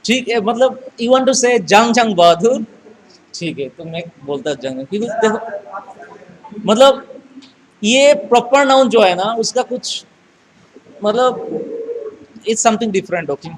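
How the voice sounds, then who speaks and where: A man's voice: high-pitched, lively intonation, very fast, long pauses, slight background noise, rough recording. A man, teaching a lesson, reading lines aloud and explaining word meanings, mixing in Hindi. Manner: reads story lines aloud then paraphrases. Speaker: English teacher. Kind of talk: classroom text explanation.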